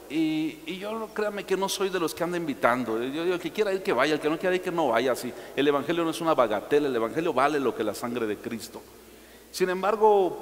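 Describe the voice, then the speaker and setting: A man's voice: a little high, a bit bright, big-room sound. A man preaching a sermon as pastor, talking colloquially and throwing rhetorical questions at the congregation.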